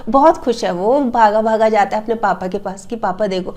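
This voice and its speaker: A woman's voice: a little high, moderate pace, darkish tone. A middle-aged woman talking earnestly to the camera as a parenting advice host, repeating her key points and acting out scolding parents. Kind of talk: casual advice talk to camera.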